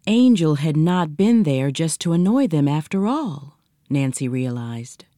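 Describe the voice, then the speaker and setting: A woman narrating a children's story in a recording studio, reading gently and expressively. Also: low-pitched, measured pace, dry recording. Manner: gentle, expressive read-aloud with voiced characters.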